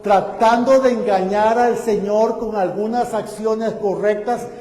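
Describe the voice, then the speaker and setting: Male pastor, high voice, fervent sermon, long church reverb. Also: fairly even intonation, a little slow. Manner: fervent preaching, building to loud exclamations. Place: church sanctuary. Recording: echoey church hall.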